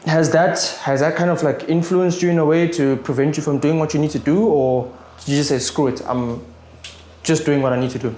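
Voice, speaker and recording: A man's voice: fairly high pitch, fairly even intonation, brisk, warm tone. Male chiropractor host, casual chat, checks in a lot, echoey room. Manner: chatty, often checks in with "right?" and "yeah?". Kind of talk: casual chat during treatment. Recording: echoey room with faint noise.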